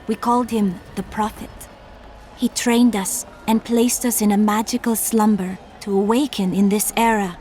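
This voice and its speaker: A solemn enchantress voiced by a woman speaks formally and earnestly in a fairly high voice. It is fantasy game dialogue with faint music underneath. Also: a little mellow, natural voice. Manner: formal, measured declarations. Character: solemn ancient enchantress, young-sounding and earnest. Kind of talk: video game voice acting.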